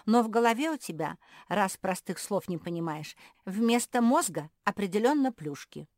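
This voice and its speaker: A sharp-tongued, grumpy female frog from a children's audiobook snaps and sneers, raised high above the reader's usual voice, as a woman voices her. The sound is dry and close. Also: expressive, normal speed, no room sound, close to an everyday voice. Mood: mocking. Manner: snapping, sarcastic, loud. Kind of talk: audiobook character voice.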